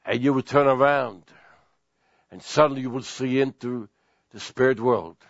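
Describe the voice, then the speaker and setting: A male pastor preaching a sermon, slow and deliberate, driving points home with emphatic repetition. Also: mid-range voice, no echo, muffled recording.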